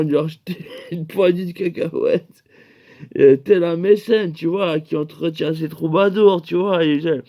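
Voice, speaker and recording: A man's voice: fairly high pitch, warm tone. A young man telling a rambling comic story, with laughing asides and acted-out quotes.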